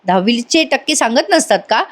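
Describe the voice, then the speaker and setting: A woman's voice: on the high side, animated, normal speed, close to an everyday voice. A woman voicing a naive young man who asks question after question in a rustic, inquisitive way. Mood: curious.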